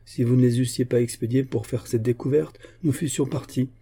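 A man reading a novel aloud, voicing a shrewd, melancholy old bishop and former musketeer who speaks in a measured, guarded way. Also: medium pitch, fairly even intonation, dark tone, breathy edge.

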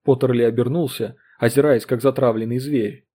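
A man narrating a science fiction audiobook with steady, dramatic storytelling. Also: mid-range voice, normal speed. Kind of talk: scripted narration.

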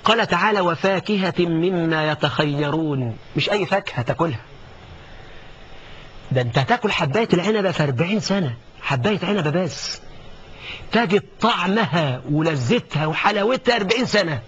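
A man preaching a colloquial sermon with an Egyptian accent, dramatic, dropping to a hush and then building to loud exclamations. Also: fairly high pitch, lively intonation, a little fast. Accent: Egyptian Arabic. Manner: dramatic, swings from hushed to rising exclamations. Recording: dull lo-fi recording with faint noise.

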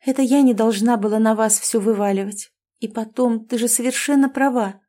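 Weary young mom anna, read by a woman, earnest, mellow voice. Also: a little high, brisk, natural voice. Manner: earnest, apologetic. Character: young widowed mother Olesya's friend Anna, tired.

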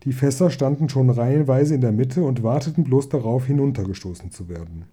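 Male audiobook reader, deep mellow tone, calm, even storytelling delivery. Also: fairly quick, breathy edge. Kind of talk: storybook reading.

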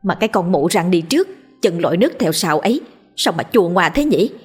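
A woman voicing a foul-mouthed village wife who hurls rapid, shrill curses at a neighbour. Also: very animated, slightly rough, soft background music. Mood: spiteful. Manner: shrill rapid cursing tirade.

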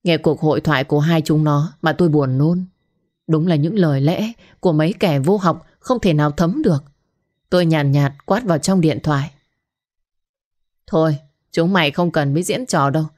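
A woman's voice: low voice, normal speed, darkish tone. A woman narrating a dramatic story in first person, with scornful, cutting retorts. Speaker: audiobook narrator.

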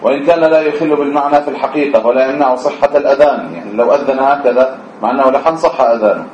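A man's voice: mid-range voice, very fast, a little mellow, slight background noise. A man, teaching a class on the call to prayer, asking students questions and singing out short examples. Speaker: religious teacher. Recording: echoey room, slightly dull sound.

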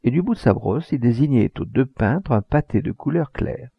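A man narrating a literary audiobook, expressive, with occasional hesitations. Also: mid-range voice, moderate pace, creaky, breathy edge, no echo. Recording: dull lo-fi recording.

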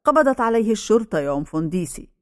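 A woman voicing a frightened teenage girl who speaks in a higher, nervous, hesitant way. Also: sing-song, rapid-fire, no echo, clean studio sound, close to an everyday voice. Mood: distressed.

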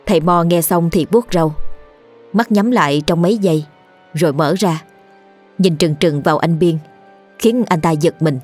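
A woman storyteller narrating a ghost story in a measured, even way. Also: lowish voice. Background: soft background music.

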